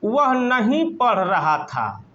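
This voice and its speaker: Slow, dictating Indian man teaching grammar. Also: sits high, sing-song, sharp tone. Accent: Hindi. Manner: slow, dictating, repeats each phrase for note-taking. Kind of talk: classroom grammar lesson. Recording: dull lo-fi recording.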